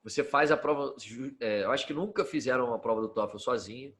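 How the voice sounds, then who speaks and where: A man's voice: mid-range voice, fairly quick. Young Brazilian man telling a story. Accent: Brazilian Portuguese. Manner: relaxed, slangy, frequent tag questions. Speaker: podcast guest telling his story. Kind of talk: casual storytelling.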